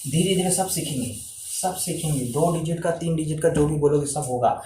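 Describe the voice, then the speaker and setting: A man's voice: fairly high pitch, fairly quick, mellow, echoey room, a little hiss or hum, rough recording. A man teaching a maths lesson in Hindi, counting aloud step by step as he draws lines and encouraging the viewers.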